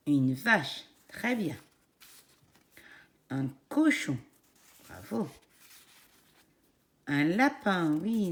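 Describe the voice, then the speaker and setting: Speaking in a low voice with a French accent, a woman teaches phonics to young children, slowly and encouragingly sounding out every syllable.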